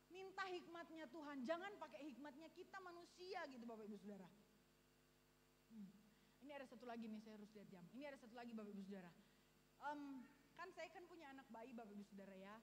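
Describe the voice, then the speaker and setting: A woman's voice: sits high, a little hiss or hum. A young woman preaching a sermon in a church hall, telling a personal story with acted quotes and building to fervent exhortation.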